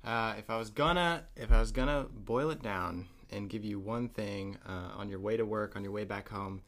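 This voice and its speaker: A man's voice: on the low side, normal speed, a bit bright. A man who works as a psychotherapist, a guest on a podcast, joking playfully and then giving earnest advice. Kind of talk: casual interview chat.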